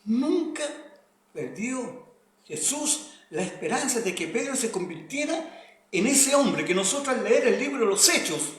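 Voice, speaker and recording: High-voiced preacher in an echoey room. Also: male voice. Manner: swings from quiet reading to loud impassioned preaching. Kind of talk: sermon.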